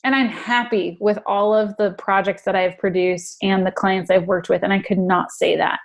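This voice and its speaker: Female interview guest, earnest and animated, laughs easily, mid-pitched voice. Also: normal speed, vocal fry. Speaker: guest brand strategist. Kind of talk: casual interview chat.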